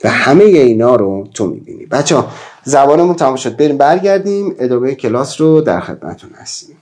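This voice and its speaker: A man teaching a self-help class, talking in an animated way with big swings in pitch, repeating and listing words for emphasis, with small stumbles and restarts. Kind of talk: lecture to an online class.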